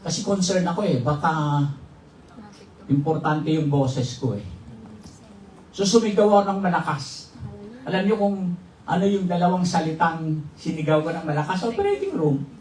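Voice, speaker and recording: Filipino pastor with a roomy distant sound. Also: male voice, a little high, normal speed, pauses often, darkish tone, a little hiss or hum. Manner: jokes and laughs with the congregation. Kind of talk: sermon testimony with humor. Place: church hall. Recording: roomy, distant mic, faint ambience.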